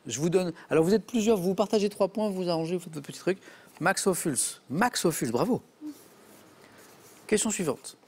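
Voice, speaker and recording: In a studio, a quiz show host reads questions and banters with contestants, lively and full of jokes. His voice is high with a breathy edge, and he talks fairly quickly.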